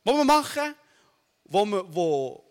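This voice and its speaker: A man's voice: sits high, slow, clear, resonant tone. A young adult man with a Swiss German accent preaching a sermon, often checking in with the audience. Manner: animated, asks the audience "oder?" often. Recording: long hall reverb.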